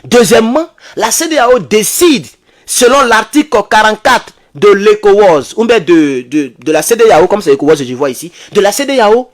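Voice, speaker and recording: A man giving excitable political commentary to his viewers, calling them comrades and asking them questions. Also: high voice. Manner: reads English then translates haltingly.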